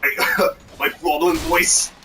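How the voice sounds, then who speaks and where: A man's voice: on the high side, flat delivery, slow pace, pushed and bright, soft background music. Rambling man chatting over a game stream. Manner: rambling, full of restarts, laughs often, swears casually. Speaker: co-host of a gaming stream. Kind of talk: casual chat while playing a video game. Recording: distant mic with clear background noise.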